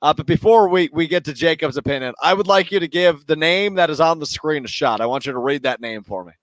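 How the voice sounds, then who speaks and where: A man's voice: on the high side, fast talker, no echo. A man co-hosting a casual live draft stream over a remote call, teasing the others and making the graphics. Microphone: remote call mic.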